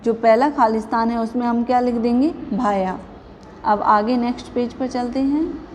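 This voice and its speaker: A woman's voice: fairly high pitch, steady tone, moderate pace, a little mellow, long reverb tail, slight background noise. A woman teaching young children a grammar lesson, patiently asking the class questions and repeating each answer. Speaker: primary school teacher.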